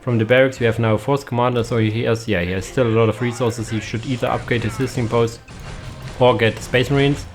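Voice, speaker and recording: A man's voice: mid-range voice, steady tone, quick pace, faint music behind. A young man giving casual, hesitant commentary on a strategy game match, with many fillers and restarts. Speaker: caster.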